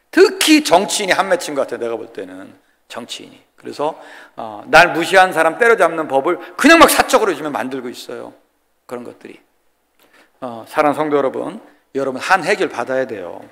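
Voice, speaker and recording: An older man in his sixties preaches to his congregation with a lively, swooping delivery and a gravelly edge to his voice. He is a pastor from the Chungcheong region with a folksy, joking manner, and he keeps putting questions to his listeners. His voice rings out with the long reverb of a church hall. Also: a little high. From Korea, Chungcheong region. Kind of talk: sermon. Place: church sanctuary.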